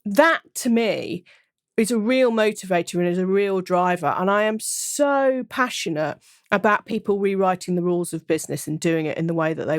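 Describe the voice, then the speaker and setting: A middle-aged woman talks on her own podcast in an earnest, emphatic, heartfelt way. Her voice sits at an ordinary pitch, and the recording is close and dry. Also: dry recording. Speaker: podcast host and business coach. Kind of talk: heartfelt solo podcast monologue.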